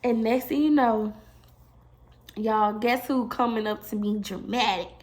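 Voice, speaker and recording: Young woman, high voice, lively storytime vlogger who swears freely. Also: measured pace. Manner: animated and emotional, swearing, addressing viewers as y'all. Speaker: beauty vlogger telling a storytime. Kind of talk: casual storytime.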